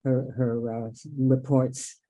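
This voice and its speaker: A woman activist introducing herself, rambling with pauses and fillers. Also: very deep voice, little pitch movement, dark tone. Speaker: activist guest.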